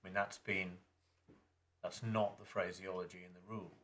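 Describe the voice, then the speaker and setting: A man's voice: sits low, little pitch movement, moderate pace, fairly bright tone. A man on the bench in a courtroom, interjecting to press counsel with pointed questions. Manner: probing, interjecting. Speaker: judge.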